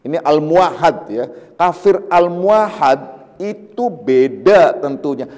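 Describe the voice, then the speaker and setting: A man giving a religious study lecture, animated and full of fillers, now and then acting out mocking voices. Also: a little high, takes it slowly, big-room sound. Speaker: Islamic teacher.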